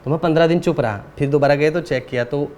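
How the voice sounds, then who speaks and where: A man, a guest singer, talking in a relaxed, soft-spoken way in a casual interview, often checking in with the listener. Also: a little high, fast talker, slight background noise. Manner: relaxed storytelling, often ending with a tag question.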